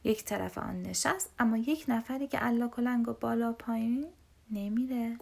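A woman reading a children's storybook aloud in a soft, often whispered voice. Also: fairly high pitch, creaky.

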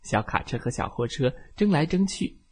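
A man telling a bedtime story to children, lively and expressive as he narrates. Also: fairly high pitch, normal speed, a little hiss or hum.

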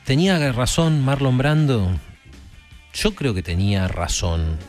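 A man's voice: medium pitch, slow, a little mellow, soft background music. A man with an Argentine accent hosting a talk and addressing listeners in a conversational, emphatic way. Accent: Argentine Spanish. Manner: conversational, emphatic, with many fillers and tag questions. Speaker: host discussing film and rock. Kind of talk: reflective spoken commentary to listeners.

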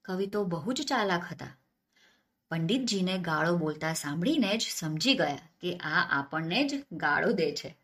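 A woman narrating a folk tale in a steady, measured storybook style. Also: on the low side.

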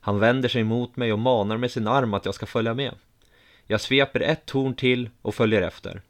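A man calmly reading a first-person story aloud in an even, measured way. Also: mid-range voice. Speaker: narrator.

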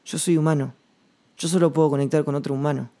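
A man with a Rioplatense Spanish accent hosting a reflective solo podcast monologue, rambling and slangy, thinking aloud with pauses. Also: a little high, steady tone, dark tone. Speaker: podcast host.

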